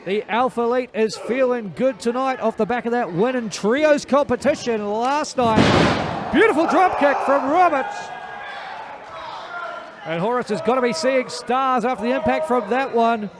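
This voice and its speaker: A man working as a play-by-play wrestling commentator, making emphatic, dramatic, excited calls of a match. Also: very high-pitched, normal speed. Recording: live crowd noise behind. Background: wrestling event crowd.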